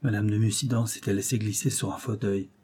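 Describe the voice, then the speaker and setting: Male audiobook narrator, measured and dramatic, warm husky tone. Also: lowish voice, steady tone. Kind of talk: scripted literary narration.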